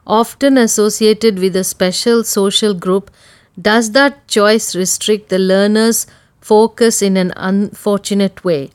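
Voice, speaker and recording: A woman's voice: mid-range voice, smooth, no echo. A woman from India with an Indian accent, reading a prepared text aloud. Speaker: accent sample speaker. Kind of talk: reading a passage and word list aloud.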